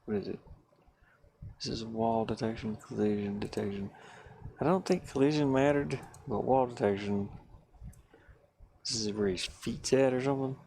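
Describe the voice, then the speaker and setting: In a mid-range voice at a moderate pace, a man streams from his van as he makes a game, leaving long pauses between remarks. His talk is relaxed thinking aloud that trails off before thoughts finish. The recording carries steady background noise.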